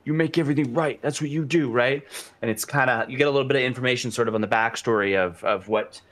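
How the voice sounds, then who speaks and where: A man's voice: medium pitch, fast. A young man co-hosting a podcast, rambling in casual chat with lots of fillers. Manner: animated, rambling, filler-heavy. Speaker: podcast co-host.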